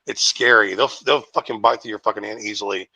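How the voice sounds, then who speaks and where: Bright-voiced, profane male guest. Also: on the low side, fairly even intonation, fast talker, gravelly, low-quality recording. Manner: profane, emphatic. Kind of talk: casual chat.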